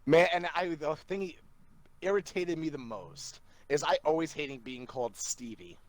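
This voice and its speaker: A man, a podcast guest, telling funny stories in an animated, laughing way over a remote call. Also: on the high side, normal speed. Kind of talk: casual storytelling.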